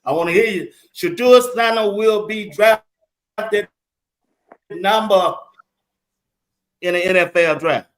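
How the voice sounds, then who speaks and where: A man co-hosting a sports talk show who loudly presses a guest for an answer. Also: high voice, slow pace, long pauses, rough recording. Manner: loud, insistent, calls out the guest's name.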